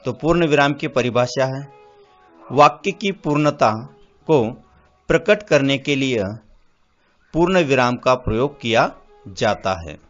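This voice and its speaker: A man teaching a grammar lesson to students, explaining definitions slowly and counting through lists item by item. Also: mid-range voice, lively intonation, fairly bright tone. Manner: slow and deliberate, spelling out lists item by item. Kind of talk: slow classroom lesson explanation. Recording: dull lo-fi sound with faint music.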